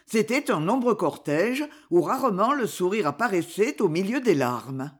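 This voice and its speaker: An audiobook narrator reading a nineteenth-century style novel aloud. The delivery is expressive, with a lively, wide-ranging melody over a mid pitch. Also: measured pace, breathy edge. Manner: expressive storytelling. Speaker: audiobook reader. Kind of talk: scripted literary narration.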